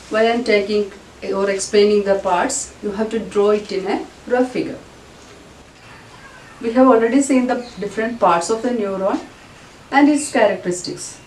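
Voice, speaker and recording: A woman's voice: mid-range voice, darkish tone. A woman with a Malayalam accent teaching a school biology lesson in a didactic way, rephrasing her points as she explains. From Kerala, India. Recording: roomy, distant mic with faint noise.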